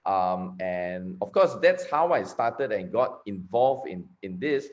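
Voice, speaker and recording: A man's voice: lowish voice, animated, slow pace. A man in his forties from Malaysia with a Malaysian accent, giving a chatty recorded conference talk on network marketing, often repeating and restarting words. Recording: slightly dull lo-fi recording.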